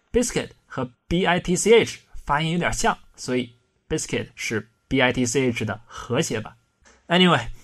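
A male English pronunciation teacher speaks a little higher than most men. His explanations are casual and joking, and he slows right down to drill example phrases. It plays like a recorded online lesson. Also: fairly bright tone. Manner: playful, colloquial explaining with slowed, exaggerated English demonstrations.

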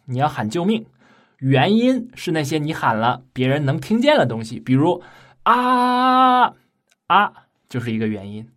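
A man teaching English pronunciation in a recorded online lesson. He explains in a playful, colloquial way and slows down to exaggerate his English examples. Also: fairly high pitch.

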